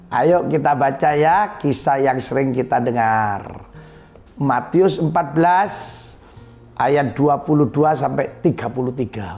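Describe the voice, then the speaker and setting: Gravelly East Javanese pastor retelling scripture. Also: male voice, mid-range voice. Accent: East Javanese Indonesian. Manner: animated storyteller with emphatic repeated phrases. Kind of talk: storytelling sermon.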